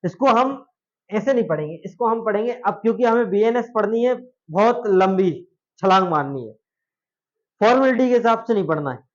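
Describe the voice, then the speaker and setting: Guy teaching law, high voice, jokes around n quizzes the class, kinda muffled lo-fi sound. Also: lively intonation, a little fast. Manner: chatty, jokey, asks students questions. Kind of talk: classroom lecture. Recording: dull lo-fi classroom recording.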